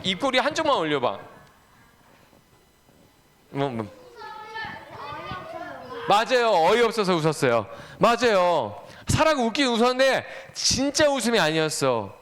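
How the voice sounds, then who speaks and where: A man's voice: sits high, fairly bright tone, slight background noise. A man giving a children's sermon, telling a Bible story animatedly and quizzing the kids with questions. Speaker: children's ministry preacher.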